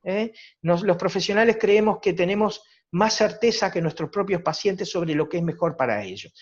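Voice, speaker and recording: A psychologist with a Uruguayan Spanish accent gives a reflective, explanatory talk at a virtual conference, using rhetorical tag questions. His voice sits high and his pace is moderate. The video-call audio is dull and lo-fi.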